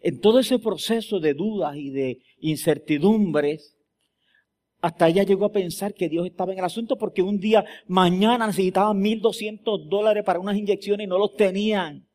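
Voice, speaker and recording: A man preaching a sermon as pastor, moving between loud emphatic declarations and hushed storytelling, often putting questions to the congregation. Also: sits high, normal speed. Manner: asks the congregation rhetorical questions.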